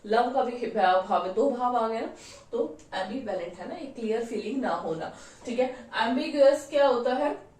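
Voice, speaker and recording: Woman, Indian accent, vocabulary teacher, higher voice, echoey room, set back from the mic. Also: expressive, moderate pace, a little mellow, far from the mic. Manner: repeats "thik hai", asks and answers her own questions. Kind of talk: explaining exam vocabulary questions in a casual class.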